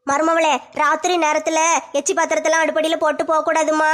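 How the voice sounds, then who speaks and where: A woman playing a scheming, sharp-tongued mother-in-law in a comic family sketch. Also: sits high, monotone. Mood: sly. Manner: scolding, sly, fast-talking. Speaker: comedy sketch actor.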